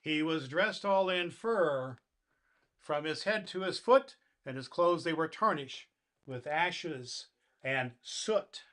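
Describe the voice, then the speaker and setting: Man playing slow-talking jolly old Santa Claus. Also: on the high side, animated, a bit bright. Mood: merry, dramatic. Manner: slow, deliberate, theatrical emphasis. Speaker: host and storyteller for children. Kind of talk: expressive storybook reading for children.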